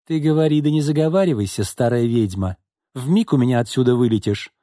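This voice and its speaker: A man's voice: mid-range voice, a little fast, mellow, no room sound, studio quality, voice pushed up, close to an everyday voice. A man playing a spiteful drunken rich woman. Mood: contemptuous. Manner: contemptuous and cold.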